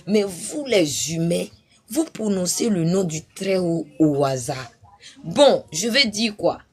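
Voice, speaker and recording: A woman's voice: fairly low pitch, expressive, takes it slowly, darkish tone. A woman preaching her testimony on a live stream, fervent and repetitive, breaking into sudden cries. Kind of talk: impassioned spoken testimony.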